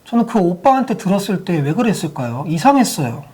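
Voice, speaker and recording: A woman voicing an eager young schoolgirl in a raised, childish, husky voice. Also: on the low side, sing-song, a little fast, dark tone. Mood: relieved.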